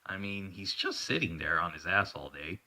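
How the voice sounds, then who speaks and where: A man's voice: deep voice, lively intonation, normal speed, pushed and bright. A man narrating an improvised action story in a rambling, profane way, often correcting himself.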